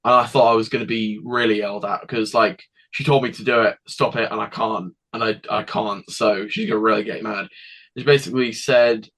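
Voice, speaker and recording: A teenage boy, a guest telling his story in a rambling, halting way with frequent restarts. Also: lowish voice, steady tone, a bit bright, rough recording. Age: teens. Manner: rambling, halting, with many restarts and acted quotes. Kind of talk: casual interview storytelling.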